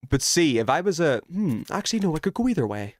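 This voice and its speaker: This dry, studio-quality recording captures a young man with a slightly high voice, fast delivery and big swings in pitch. Streaming a horror game, he chats playfully with his audience, answering their messages, teasing them and cursing mildly.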